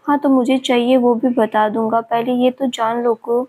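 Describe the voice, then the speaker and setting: A woman's voice: a little high, level tone, moderate pace, a little mellow, close to an everyday voice. A woman voicing a taunting, leering male villain who has escaped from an asylum, in her own narrating voice. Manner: mocking and leering.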